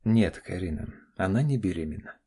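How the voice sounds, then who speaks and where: A self-assured middle-aged father who speaks in short, firm phrases, played by an audiobook reader. The voice stays dark and husky. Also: fairly low pitch, animated, brisk. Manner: curt and clipped. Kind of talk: audiobook character voice.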